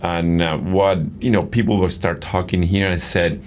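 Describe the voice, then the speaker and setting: A man's voice: low voice, fairly even intonation, normal speed. A middle-aged man from Argentina, a padel coach as interview guest, talking enthusiastically with many fillers and restarts. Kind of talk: casual interview conversation.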